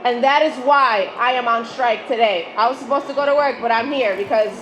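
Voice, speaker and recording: High-voiced woman, echoey noisy rally speech. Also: brisk. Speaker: striking fast-food worker.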